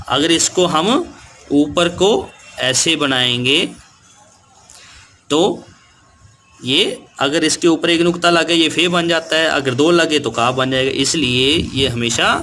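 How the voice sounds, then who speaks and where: A man teaching an Urdu lesson to young children, speaking slowly and patiently and repeating each word. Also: a little high, background noise. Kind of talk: slow classroom lesson.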